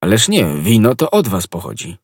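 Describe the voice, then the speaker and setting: An impetuous young swordsman, urgent and earnest, as a male narrator voices him. The voice is husky and lifted above the reader's own low register, and it sounds close and dry. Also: wildly swooping pitch, normal speed, a little mellow, dry recording, exaggerated voice. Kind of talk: audiobook reading.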